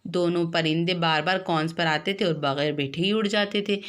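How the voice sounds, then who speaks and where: A woman's voice: fairly low pitch, fairly even intonation, normal speed. A woman teacher reading a textbook story aloud to her class and stopping to explain words and check that they follow. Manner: breaks off the reading to explain words, asks "hai na?". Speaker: school teacher.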